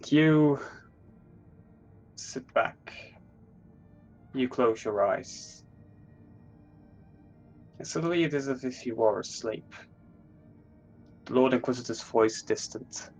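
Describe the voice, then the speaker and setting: Man, game master, measured dramatic storytelling, some vocal fry, faint music behind. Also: mid-range voice, a little mellow, low-quality recording. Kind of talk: narrating a tabletop role-playing game.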